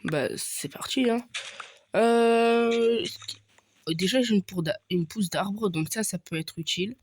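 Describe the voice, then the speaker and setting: A man's voice: sits high, slow, a little hiss or hum. A young man giving casual commentary over his own gameplay, thinking aloud with many hesitations and fillers. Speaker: gaming youtuber.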